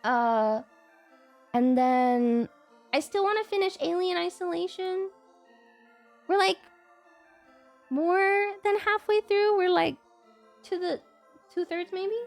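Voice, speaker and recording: This livestreamer has a very high-pitched, gravelly voice and talks slowly, pausing often, while faint music plays in the background. Stuffed up with a cold, she rambles through a casual chat stream at her home desk mic, now and then letting out whiny, playful bursts.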